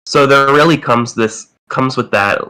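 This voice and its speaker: A man co-hosting a casual podcast, sick with covid and a little raspy, talking in a rambling way full of fillers. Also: medium pitch, a little slow, sharp tone, poor audio. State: sick with covid, slight rasp. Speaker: podcast co-host.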